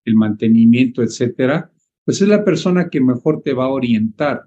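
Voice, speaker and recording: Un médico que explica temas de nutrición en una sesión de preguntas en vivo, con tono didáctico y preguntando "¿sí?" a menudo. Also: male voice, medium pitch, expressive, normal speed, mellow, highs cut off, slight background noise. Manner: didactic, asks "¿sí?" often. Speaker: doctor answering questions. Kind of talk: explaining on a live online Q&A.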